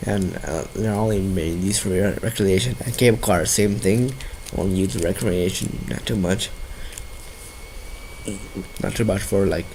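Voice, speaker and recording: A man with a low voice, made nasal and stuffy by a bad cold. He talks in a rambling, halting way, often restarting sentences mid-thought. Faint noise sits behind him. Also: a little mellow, rough recording. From Washington State, US. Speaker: video creator. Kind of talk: casual gameplay commentary.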